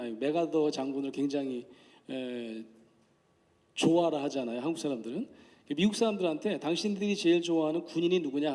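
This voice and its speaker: A man's voice: on the high side, dark tone. Male professor lecturing in a reverberant hall. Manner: conversational, asks the audience questions; acts out quoted voices in anecdotes. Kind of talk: public lecture.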